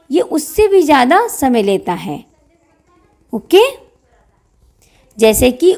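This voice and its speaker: A woman's voice: sits high, darkish tone. A woman teaching a grammar lesson, asking questions and answering them herself, and drawing out vowel sounds to show them. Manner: drawn-out demonstration vowels. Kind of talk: classroom-style grammar lesson.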